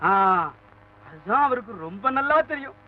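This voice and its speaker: A man's voice: very high-pitched, expressive, normal speed. An actor playing a shifty male sorcerer's helper who chants spells and gives curt, sing-song replies, in 1940s film acting. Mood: brusque. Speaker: sorcerer's assistant. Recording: tinny old film soundtrack with hum.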